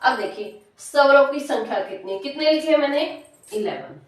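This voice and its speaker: Female Hindi teacher, high voice, questions the class then answers herself; far from the mic in an echoey room. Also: animated. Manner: drawn-out syllables, repeats points. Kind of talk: classroom grammar lesson.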